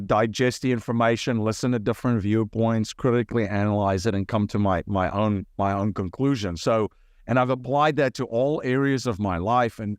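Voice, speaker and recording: A man's voice: medium pitch, no room sound, clean studio sound. A man from South Africa, a podcast guest, telling his story earnestly with frequent restarts. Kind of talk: conversational interview.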